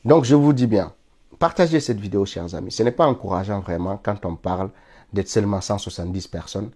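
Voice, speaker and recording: A political commentator from Senegal streams a live monologue while stuffy with a cold, pressing his points insistently until they climb to indignant peaks. His voice is fairly low and darkish with a breathy edge, and he speaks fairly quickly.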